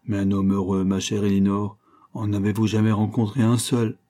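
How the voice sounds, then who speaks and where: A man reading an audiobook, voicing a suave, world-weary gentleman lawyer with a bitter, ironic manner. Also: lowish voice, completely flat delivery, moderate pace, natural voice.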